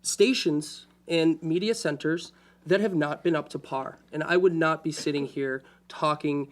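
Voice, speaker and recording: At a community forum panel discussion, a man on a public access station's board speaks earnestly in a fairly high voice, taking his time and frequently restarting his sentences.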